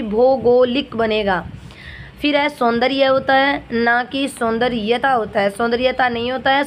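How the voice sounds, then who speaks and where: Higher-voiced woman drilling grammar lesson. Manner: drills words by repeating each correct and wrong form. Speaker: Hindi grammar teacher. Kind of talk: exam-prep lesson.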